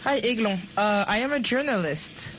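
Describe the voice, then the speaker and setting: A woman's voice: fairly high pitch, expressive, normal speed, a bit bright, slight background noise. Young woman asking friendly questions. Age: 20s.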